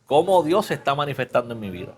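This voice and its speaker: A man preaching in a relaxed, conversational way, teaching a Bible class and often asking the listeners questions. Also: mid-range voice, fast, slightly rough. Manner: casual, chatty, asks the class questions; mixes English fillers into Spanish.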